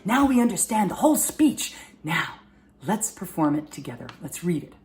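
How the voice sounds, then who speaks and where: Low-voiced teacher leading a verse lesson. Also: female voice, big pitch swings, over loud music. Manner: explains plainly, then speaks verse lines slowly for repeating. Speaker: arts teacher. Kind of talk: online lesson for children with recitation.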